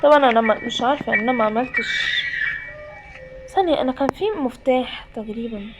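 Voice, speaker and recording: A woman's voice: fairly high pitch, fast talker. A woman with an Egyptian Arabic accent giving chatty, jokey commentary on a horror game, often pleading with the game and talking to it. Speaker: gaming YouTuber. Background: game music.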